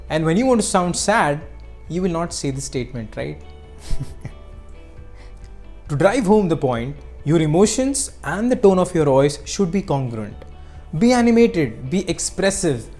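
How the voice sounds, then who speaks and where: A teacher giving scripted narration on speaking skills, explaining clearly and acting out short examples. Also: medium pitch, very animated, moderate pace, a little mellow, faint music behind.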